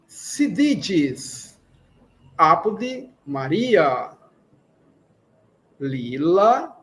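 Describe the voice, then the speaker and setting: A man with a Brazilian accent teaches a language lesson in a slow, deliberate way. His voice sits fairly high for a man. He goes back over his example sentences patiently. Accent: Brazilian Portuguese. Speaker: Esperanto teacher. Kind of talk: slow classroom explanation.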